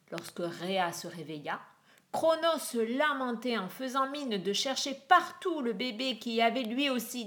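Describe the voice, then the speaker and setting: Woman narrator, slow and expressive, storybook myth reading. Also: medium pitch.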